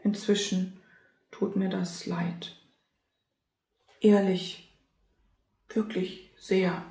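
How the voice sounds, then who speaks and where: A woman voicing a lonely, sheepish fox who talks softly and hesitantly, with stammers, in a storybook reading. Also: medium pitch, flat delivery, extremely slow. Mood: remorseful. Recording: roomy echo.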